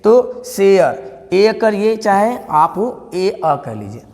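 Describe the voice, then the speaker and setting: High-voiced man teaching English. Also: big pitch swings, slow, darkish tone, long reverb tail. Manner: asks the class questions and answers them, repeats words. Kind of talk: classroom lesson.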